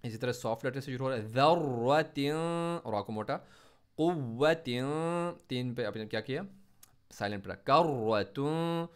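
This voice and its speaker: A man teaching tajweed in Urdu, reciting words slowly with stress and explaining each letter in quicker, lower asides. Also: steady tone.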